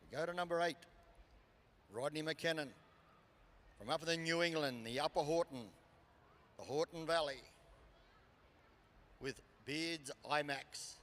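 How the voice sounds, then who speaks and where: Australian male arena sports announcer, higher-pitched voice, live commentary with long PA reverb. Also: measured pace, pauses often, a bit bright. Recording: PA echoing through large arena.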